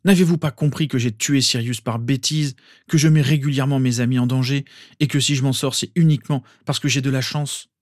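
A man's voice: lowish voice, steady tone, brisk, a little mellow, no room sound, studio quality, natural voice. A man voicing a troubled teenage boy who speaks tensely and bitterly. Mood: angry.

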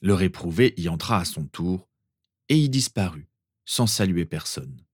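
A man reading fan fiction aloud in a calm, expressive narration. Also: low-pitched, unhurried, breathy edge, no room sound, studio quality. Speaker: reader.

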